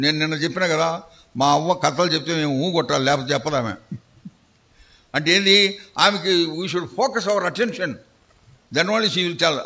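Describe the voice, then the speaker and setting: A man preaching a sermon, telling the story in an animated way, acting out voices and putting questions to the congregation. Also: high-pitched, highs cut off.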